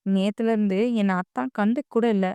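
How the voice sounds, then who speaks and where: A woman's voice: medium pitch, steady tone, normal speed, warm tone, clear, resonant tone, dry recording, natural voice. A woman voicing a jealous young woman who complains petulantly about her beloved in an audio novel.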